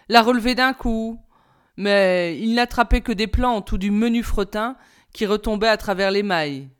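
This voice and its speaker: A woman's voice: medium pitch, smooth. Woman reading a novel aloud. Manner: measured, expressive reading. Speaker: reader.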